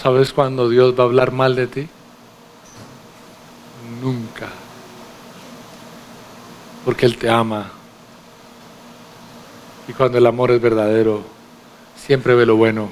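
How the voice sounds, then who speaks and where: A man's voice: medium pitch, level tone, takes it slowly, long pauses, slight background noise. A man preaching a sermon to his congregation in a church, emphatic, with rhetorical questions and direct address. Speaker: pastor.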